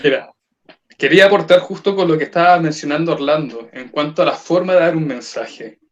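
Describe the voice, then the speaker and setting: A man's voice: a little high, fairly quick, a crowd in the background. A man, a voice trainer explaining points in an online seminar and posing rhetorical questions. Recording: dull lo-fi call audio.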